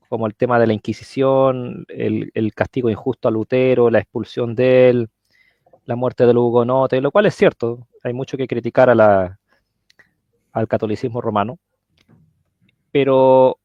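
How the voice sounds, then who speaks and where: Chilean male guest, halting delivery, muffled lo-fi sound. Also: mid-range voice, creaky, a little mellow, no echo. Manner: hesitant, searching for words, many fillers. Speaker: guest speaker. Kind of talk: live-stream religious discussion.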